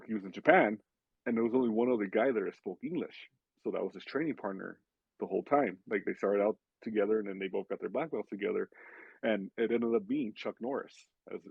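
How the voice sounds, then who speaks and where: A man's voice: on the low side, vocal fry, husky, dry recording. A man telling casual stories as a podcast guest, rambling with many restarts and filler words. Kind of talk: casual storytelling. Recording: tinny phone-like sound.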